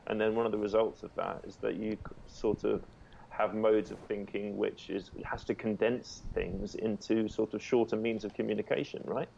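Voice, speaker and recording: A man in a casual podcast chat, halting and searching for words as he makes a point. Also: on the low side, level tone, gravelly, a little mellow. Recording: dull lo-fi sound with faint noise.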